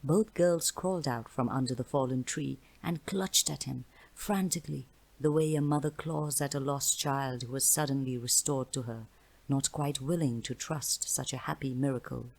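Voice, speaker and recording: A woman with a strikingly low, deep voice reads a dark fantasy story aloud. Her delivery is measured and dramatic, unhurried storybook narration. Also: steady tone, gravelly, poor audio. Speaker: audiobook narrator.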